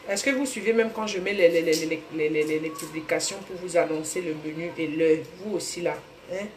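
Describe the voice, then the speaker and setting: A woman's voice: lowish voice, brisk, a little mellow. A woman with a Cameroonian French accent hosting a live cooking stream, chatting casually and greeting viewers by name from her home kitchen. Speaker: cooking livestream host. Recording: roomy echo, faint room noise.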